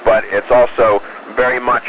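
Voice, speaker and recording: A man, an astronaut, answering questions over a space radio link in a measured, explanatory way with hesitant pauses. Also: mid-range voice, level tone, highs cut off, a little hiss or hum. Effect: space radio transmission. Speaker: astronaut aboard the space station. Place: inside an orbiting space station.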